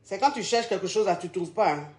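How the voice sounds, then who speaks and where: A woman's voice: mid-range voice, animated, brisk, darkish tone, roomy sound. A woman hosting a casual live stream, chatting to her viewers and repeating her questions to them. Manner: chatty, keeps asking viewers the same question.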